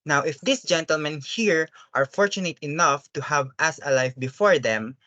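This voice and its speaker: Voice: mid-range voice, normal speed, pushed and bright, dry recording, natural voice. A performer in a dramatic stage-play reading, playing an earnest, anguished father who speaks formally, with hesitant, pleading courtesy. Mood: deferential, insistent.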